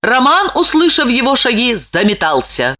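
Lively woman narrating a comic story. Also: a little high, moderate pace. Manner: expressive, lively. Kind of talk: audiobook narration.

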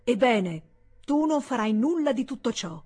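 A woman reading aloud voices a stern middle-aged male senator who thunders threats at his brother, her voice a little husky. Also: medium pitch, lively intonation, moderate pace, a little mellow. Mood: furious.

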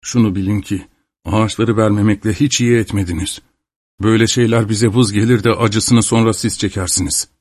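A man's voice: on the low side, steady tone, brisk, a little mellow, dry recording, clean studio sound, lightly acted. A man reading aloud who plays an older peasant father, resentful and grumbling. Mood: pleading.

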